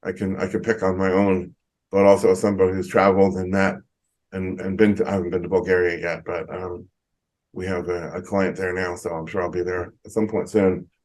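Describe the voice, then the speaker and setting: A middle-aged man, an economist guest on a video call, explaining in a measured way with frequent ums. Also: low voice, level tone, darkish tone, low-quality recording. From United States. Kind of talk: interview answers.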